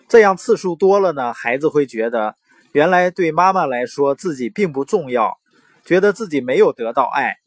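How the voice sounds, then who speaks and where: A young adult man giving parenting advice in an earnest, conversational manner, with anecdotes and drawn-out particles. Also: fairly high pitch, husky, no room sound. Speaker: parenting commentator. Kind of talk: informal talk with anecdotes and advice.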